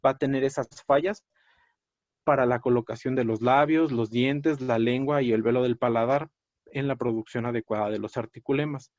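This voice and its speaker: A man lecturing on a clinical topic in a measured, explanatory way, often pausing on fillers and correcting himself mid-word. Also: medium pitch, a little mellow, no room sound. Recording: dry, dull lo-fi audio.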